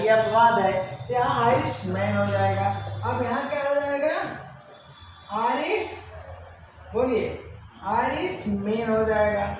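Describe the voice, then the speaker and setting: A man teaching a grammar lesson, asking short questions and answering them himself, repeating each answer. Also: very high-pitched. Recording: echoey room, distant mic, background noise.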